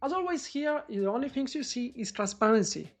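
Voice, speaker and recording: A man doing live trading commentary on a stream, excitable and swearing as he talks to the market. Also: very high voice, brisk, soft background music. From Morocco. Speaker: day trader live-streaming.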